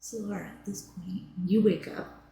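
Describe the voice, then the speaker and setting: A woman game master, narrating a tabletop game in an unhurried, descriptive way. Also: mid-range voice, steady tone, vocal fry, mellow. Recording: echoey room.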